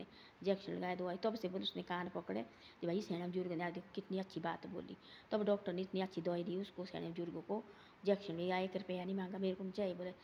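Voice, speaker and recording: A woman's voice: mid-range voice, vocal fry, darkish tone, lo-fi sound, a little hiss or hum. A woman, telling a moral story in a casual, rambling way and repeating words over and over.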